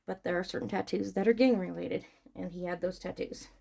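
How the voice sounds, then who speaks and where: A woman's voice: lowish voice, steady tone, brisk, creaky, warm tone. A woman vlogger chatting casually and informally while she works, thinking aloud and drifting between asides. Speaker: online vlogger and small seller packing orders. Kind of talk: casual rambling chat while working.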